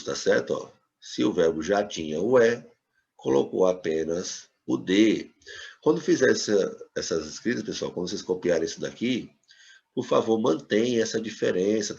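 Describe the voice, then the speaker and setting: A fairly low-voiced man gives a classroom lesson, patient and repetitive, checking in with his students as he goes. The sound is a bit dull and lo-fi. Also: creaky, darkish tone. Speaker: English teacher.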